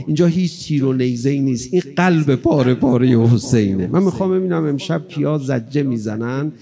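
A man delivers an impassioned mourning sermon. His gravelly, dark-toned voice swings between hushed passages and loud ones, at a medium pitch. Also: lively intonation. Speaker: preacher.

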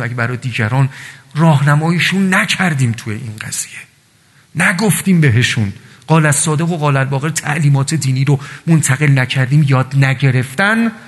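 A man preaching a religious sermon to a gathering, telling stories in a lively, animated way with voiced asides. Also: mid-range voice. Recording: long reverb of a large hall.

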